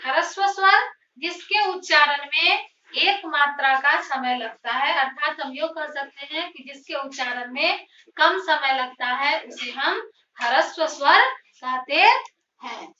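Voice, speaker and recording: A woman teacher giving a slow, deliberate grammar lesson, posing questions to her students and then answering them herself. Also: high voice, bright, forceful tone, recorded from a distance, a little hiss or hum. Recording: roomy, dull lo-fi sound, voice from off the mic.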